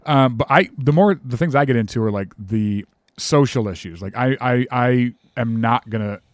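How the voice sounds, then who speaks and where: A middle-aged American man chats casually as a guest, candid and self-deprecating, with a medium-pitched voice. He stumbles over repeated words and lets sentences trail off. The sound is dry and close to the mic. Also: moderate pace, no echo. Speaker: guest musician. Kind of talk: casual conversation.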